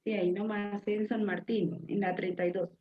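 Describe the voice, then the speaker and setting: A woman student answers her teacher in a polite, brief way. Her voice sits at a middle pitch and comes through a dull, lo-fi video call. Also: level tone, moderate pace.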